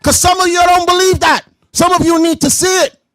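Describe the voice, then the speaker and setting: A man teaching scripture to a class, loud and confrontational, breaking into shouts and explaining verses in everyday slang. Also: very high-pitched, fairly even intonation, brisk, no echo. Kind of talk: street-style preaching commentary.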